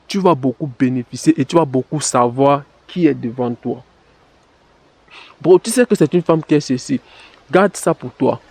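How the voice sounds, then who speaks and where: A man's voice: mid-range voice, a little mellow, no room sound. A man giving blunt dating advice straight to the listener, calling him "bro" and repeating a catchphrase. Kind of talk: direct-to-camera advice monologue.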